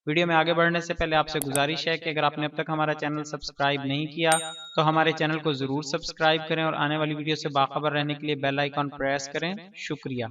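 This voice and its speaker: Man, scripted voice-over, measured delivery, bright tone, dull lo-fi sound from off-mic. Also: on the high side, recorded from a distance. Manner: measured, spells out pronunciation slowly. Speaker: channel host.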